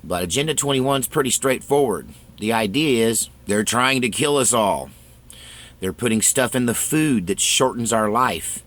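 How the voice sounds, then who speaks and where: A man's voice: mid-range voice, animated, normal speed, a bit bright. A man hosting his own channel, talking through a casual, rambling monologue with frequent restarts. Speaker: channel host.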